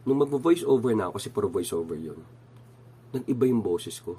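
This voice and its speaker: A man's voice: on the low side, animated, fairly quick, dark tone, a little hiss or hum. A middle-aged man with a nasal voice, casually telling a personal story with many fillers and restarts while he has a cold. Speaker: channel host.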